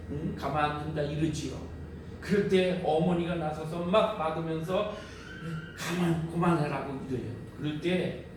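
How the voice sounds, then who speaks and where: A male pastor preaching a sermon in a church in a conversational, storytelling way, asking the congregation questions. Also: fairly high pitch. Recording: echoey hall, distant mic, faint room noise.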